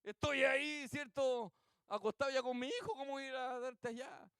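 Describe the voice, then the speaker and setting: A preacher putting on a grumpy, sleepy man who shouts from behind a closed door that he won't get up. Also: very high-pitched, takes it slowly, vocal fry, smooth, dry recording, studio quality, voice pushed up, full character voice. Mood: irritated. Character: sleepy man refusing to open his door.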